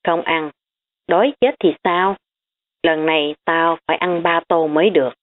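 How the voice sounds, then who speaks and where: A woman's voice: on the low side, fairly even intonation, moderate pace, natural voice. A woman doing a blunt teasing schoolgirl. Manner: frank and teasing. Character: blunt, teasing, hungry female student. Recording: tinny phone-like audio.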